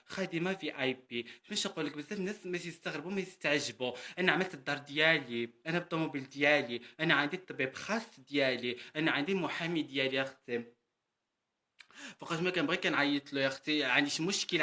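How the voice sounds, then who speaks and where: A man doing a boastful, fast-talking Moroccan housemaid. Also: fairly high pitch, pushed and bright. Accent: Moroccan Arabic. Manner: boastful, chatty, keeps addressing the listener as sister. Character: boastful chatty Moroccan housemaid woman, self-important. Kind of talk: comedy character monologue.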